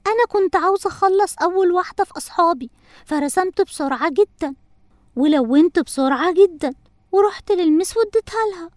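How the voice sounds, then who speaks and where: A woman with an Egyptian accent voicing an impatient little girl in a cartoon, whiny and quick to complain. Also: very high-pitched, expressive, darkish tone, no room sound, clean studio sound. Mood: sheepish. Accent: Egyptian Arabic. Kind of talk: cartoon voice acting.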